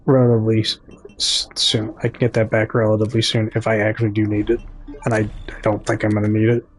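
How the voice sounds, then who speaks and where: A man's voice: lowish voice, completely flat delivery, racing, a little mellow, faint music behind. Chatty Midwestern man narrating gameplay. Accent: Midwestern American. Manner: chatty, self-correcting, talks to viewers. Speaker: gaming YouTuber. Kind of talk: casual gameplay commentary.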